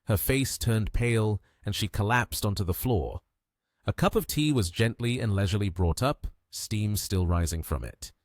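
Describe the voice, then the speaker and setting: A man narrating a comic recap in an even, storytelling manner. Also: lowish voice, normal speed, dry recording, clean studio sound.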